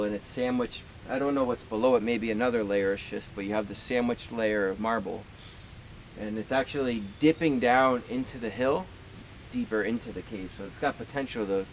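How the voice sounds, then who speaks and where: A man's voice: on the low side, slight background noise, poor audio. A man informally explaining rock and cave formation, like a guide.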